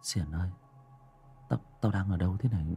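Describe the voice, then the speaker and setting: A man's voice: sits low, a little fast, dark tone, slightly rough, faint music behind, exaggerated voice. A man doing a terrified stammering young villager. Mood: whispered fear. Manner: stammering, trembling.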